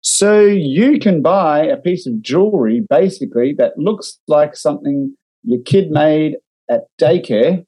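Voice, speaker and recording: A man's voice: on the high side, expressive, a little slow, dark tone, poor audio. A man with an Australian accent co-hosting a casual podcast, talking marketing with wry, dry humor. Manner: wry, dry humor, reads out and critiques clips. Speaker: podcast co-host and digital marketer. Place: remote call.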